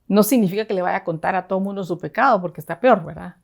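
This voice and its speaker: A woman's voice: mid-range voice, fast, creaky. A woman deaconess preaching a sermon to a women's service in an earnest, conversational way.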